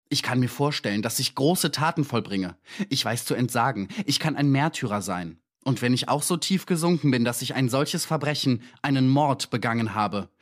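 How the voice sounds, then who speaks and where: A man's voice: mid-range voice, natural voice. A man voicing a tormented male murderer in his thirties who pleads and justifies himself passionately in an audiobook. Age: 30s. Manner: impassioned, pleading, self-justifying.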